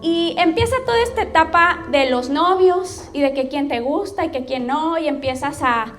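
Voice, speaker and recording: Mexican woman pastor, high voice, personal testimony over music, chatty storyteller. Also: normal speed, a bit bright. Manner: storytelling, addresses the audience directly with frequent "¿ok?".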